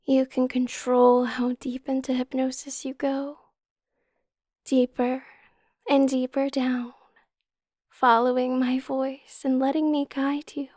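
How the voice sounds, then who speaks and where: A woman with a high voice guides a hypnotic induction, slow and soothing in the manner of a hypnotist. Her delivery is soft, breathy, and half-whispered in ASMR style. The studio-quality recording has no echo.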